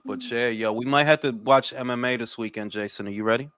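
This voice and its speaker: A Dominican man hosts a casual boxing chat, using profane, emphatic slang and repeating himself for emphasis. His mid-range voice is brisk and fairly bright, clean and dry in the recording.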